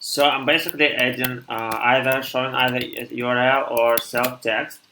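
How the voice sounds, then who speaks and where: A young man in his twenties from Russia with a Russian accent, thinking aloud haltingly as he codes on a live stream and answers chat. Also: mid-range voice, little pitch movement, pushed and bright, roomy sound, a little hiss or hum, low-quality recording. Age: 20s. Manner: halting, thinks aloud with many pauses and restarts.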